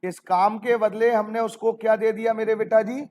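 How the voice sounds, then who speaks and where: A man's voice: high-pitched, level tone, moderate pace, darkish tone. A man teaching an accounting lesson, fondly calling students "beta ji" and asking rhetorical questions.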